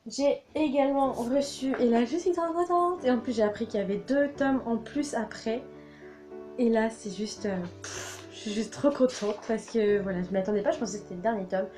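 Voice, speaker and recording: A woman's voice: a little high, normal speed. A young woman presenting her new books in a casual vlog, enthusiastic and full of fillers and repeated words. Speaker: book vlogger. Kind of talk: casual book haul chat. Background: soft background music.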